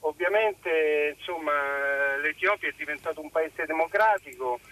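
A man phones in to a radio programme, his voice coming over the call line. He talks with a formal, earnest politeness, often hesitating with fillers. His tone sits a little high and sounds bright and forward. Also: a little slow. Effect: voice heard over a phone line on a radio call-in.

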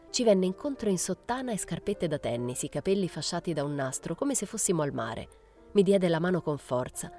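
A woman reading a literary novel aloud in a measured, even storytelling manner. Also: sits low, no room sound. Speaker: audiobook reader. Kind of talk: literary audiobook narration.

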